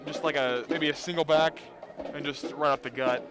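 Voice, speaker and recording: A man's voice: on the high side, steady tone, normal speed, over music. Man breaking down football plays. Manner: analytical, agreeable with many yeahs. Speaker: color commentator. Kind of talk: live sports analysis. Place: outdoor football stadium.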